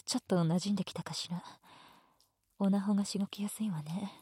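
A woman voicing a teasing, domineering female teacher in a whispered roleplay, speaking in a soft, breathy, bossy way. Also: medium pitch, steady tone, brisk, no echo, studio quality. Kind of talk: erotic ASMR roleplay.

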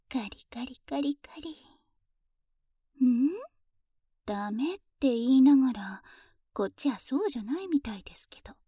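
A woman voicing a playful, teasing young lover in an intimate audio drama, whispering softly close to the microphone. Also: high-pitched, lively intonation, unhurried, long pauses, husky, no echo, highs cut off, heavily acted. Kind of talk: intimate whispered ASMR roleplay.

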